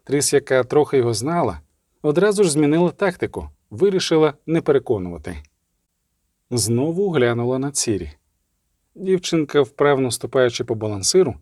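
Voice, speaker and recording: A man narrating an audiobook in a steady, even reading voice. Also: on the high side, dry recording, clean studio sound.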